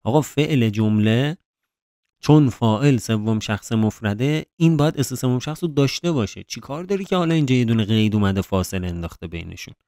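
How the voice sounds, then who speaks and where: A man teaching an English workbook lesson, going step by step and reading the English sentences slowly. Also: medium pitch, animated, mellow, no echo, studio quality.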